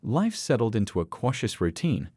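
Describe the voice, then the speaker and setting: A man narrating a scripted story in a measured, expressive way. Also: medium pitch, slightly rough, no echo, studio quality.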